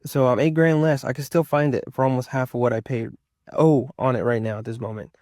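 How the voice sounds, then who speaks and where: A man of about thirty chats casually with his viewers as a vlogger, rambling and repeating himself for emphasis. His mid-range, darkish voice holds a steady tone at a slightly fast pace. The sound is clean studio audio with no room sound.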